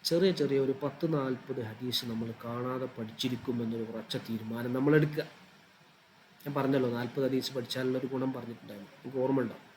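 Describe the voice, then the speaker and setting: A man's voice: medium pitch, fairly even intonation, fast talker, a little mellow, slight background noise, poor audio. A man teaching an informal online religious class, chatty and repetitive as he explains things step by step.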